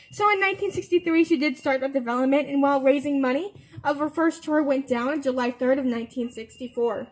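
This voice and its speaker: A woman's voice: sits high, poor audio. A woman giving a rehearsed, informal tour talk as a guide. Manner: informal, instructive.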